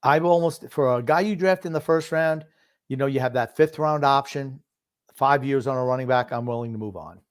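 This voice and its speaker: A man's voice: medium pitch, moderate pace, clean tone, no room sound. An older man talks sports casually in a mid-range voice. He gives firm opinions, drifts into reminiscence and repeats key phrases for emphasis. The sound is dry, with hardly any room. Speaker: sports talk show host known as the grumpy old man.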